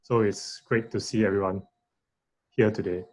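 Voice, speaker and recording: A young man with a slightly low voice introduces himself as a student leader. He talks in a friendly, relaxed way with a few fillers. The sound comes through a video call microphone. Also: moderate pace. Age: young adult. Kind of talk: casual interview answers. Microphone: video call mic.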